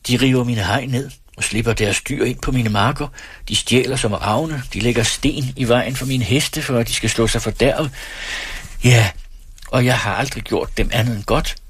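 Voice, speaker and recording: A man voicing a drunk, boastful, hot-tempered estate steward who talks loudly and haughtily. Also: medium pitch, breathy edge, no echo, pitched above the performer's own voice. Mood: confiding, self-pitying. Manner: loud and haughty.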